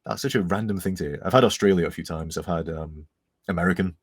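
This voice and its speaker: On a live charity stream, an Englishman with a mostly neutral accent and a slight northern tint chats and rambles in a self-deprecating way. His voice is deep and slightly rough, he speaks quickly, and the studio-quality recording has no room sound.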